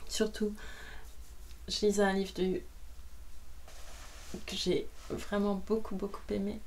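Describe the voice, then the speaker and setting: A woman who reads books aloud, winding down a session with a casual, rambling chat. Her voice sits at a middle pitch, soft and musing, and now and then it drops to a whisper. She sounds relaxed, at home. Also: slow, slight background noise. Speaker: audiobook reader.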